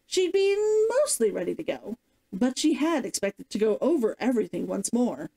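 A woman's voice: mid-range voice, mellow, poor audio. A woman narrating a novel like an audiobook, reading expressively and dramatically as a streamer. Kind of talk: scripted storybook narration, audiobook-like.

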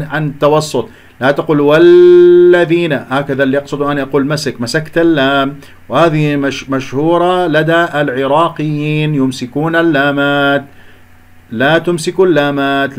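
A man teaching Quran recitation. He explains each letter and sound, recites slowly to demonstrate and corrects common mistakes. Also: on the high side. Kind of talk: recitation lesson with slow demonstrations.

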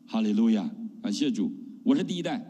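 A middle-aged man from China, a pastor giving an animated testimony sermon and often asking the congregation questions. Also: fairly low pitch, a little fast. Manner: animated preaching with rhetorical questions. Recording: long hall reverb.

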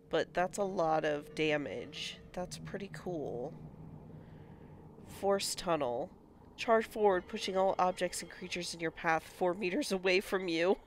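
Reading game menus aloud and mulling over the options, this gaming channel host has a fairly low voice that sounds congested from a cold. Her let's-play commentary is casual, with slight hiss or hum in the background.

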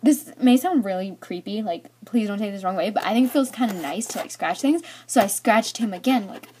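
Animated and slightly quick, with a medium pitch and a somewhat mellow quality, a teenage vlogger tells a personal storytime tale, using toys to act out scenes. She rambles with fillers, saying "like" in every sentence, over slight background noise.

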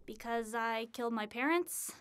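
A woman voicing a friendly, eager young male demon in an animated short, chatty and stammering when flustered. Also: fairly high pitch, normal speed, clean tone, natural voice. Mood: curious.

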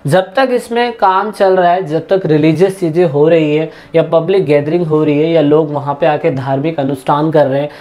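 A woman's voice: low-pitched, fairly even intonation, normal speed, hardly any pauses, dark tone. A woman teaching a history lesson online in a casual, chatty way, repeating key points and talking straight to her students, mixing in English words. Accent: Hindi-English mix.

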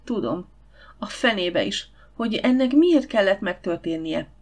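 A woman's voice: mid-range voice, lively intonation. A woman voicing a reserved, flustered young lady in an audiobook, speaking hesitantly. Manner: hesitant and reluctant.

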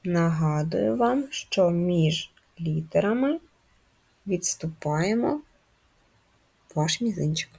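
Teaching handwriting to first graders, a calm primary school teacher with a slightly low, husky voice goes stroke by stroke, slowly and with long pauses. She clearly poses easy questions to the children and answers them herself in an even, encouraging way.

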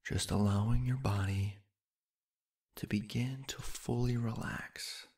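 A man guiding a sleep meditation, speaking in a slow, soothing and calm way. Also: on the low side, breathy edge. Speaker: meditation guide.

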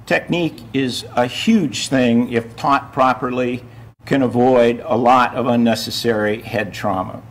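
A male doctor giving calm, thoughtful remarks at a conference, slightly halting at times. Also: medium pitch.

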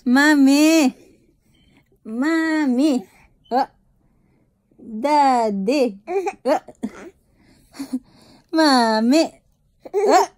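Slow sing-song baby-talking woman. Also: high-pitched, a little mellow, no room sound. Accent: Filipino. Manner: sing-song, repeats short greetings and words slowly for the baby. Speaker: mother vlogging her baby. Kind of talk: baby talk to an infant.

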